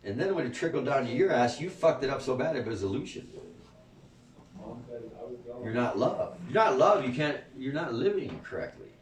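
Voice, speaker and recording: A man leading a spiritual gathering, rambling and profane, laughing often and swinging between soft and loud. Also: medium pitch, big pitch swings, moderate pace, long pauses, slight background noise. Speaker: spiritual group leader. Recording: echoey room, far from the mic.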